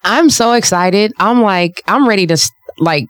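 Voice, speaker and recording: Excited woman author in an interview. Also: mid-range voice, normal speed, smooth, dry recording. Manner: excited, many fillers. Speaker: author guest. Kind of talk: casual interview.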